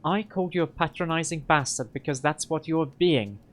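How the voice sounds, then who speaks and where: A man's voice: on the high side, moderate pace, a bit bright, natural voice. A man reading a game aloud and voicing a feisty young woman decker whose small voice turns raucous. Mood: angry.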